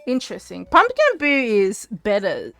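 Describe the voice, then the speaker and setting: Chatty woman streamer, lively pitch. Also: unhurried, gravelly, faint music behind. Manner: rambling, chatty, talks to chat while fiddling with setup. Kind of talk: casual live-stream chat. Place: home streaming setup. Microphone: desk mic.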